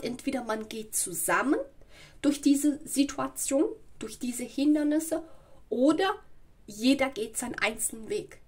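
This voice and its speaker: Speaking on the high side, a woman with a mild cold reads tarot aloud in a room at home set up with a tarot table. Her delivery is slow, searching and explanatory, peppered with "ja" and "okay" as she checks in.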